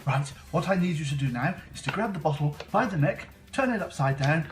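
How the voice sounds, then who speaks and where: A man presenting a children's craft demonstration, explaining it step by step. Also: a little high. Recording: echoey room with music.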